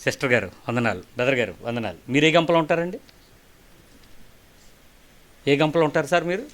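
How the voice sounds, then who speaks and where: A middle-aged male preacher giving a sermon, telling stories and firing rhetorical questions, moving between soft asides and emphatic lines. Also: fairly high pitch, a little fast.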